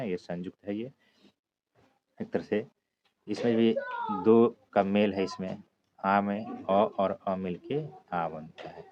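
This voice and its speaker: A male teacher with a very deep voice explains grammar patiently, one step at a time. He keeps checking that his students are following him. The recording sounds dull and lo-fi, and a steady noise runs underneath it. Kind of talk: Hindi grammar lesson for exam students.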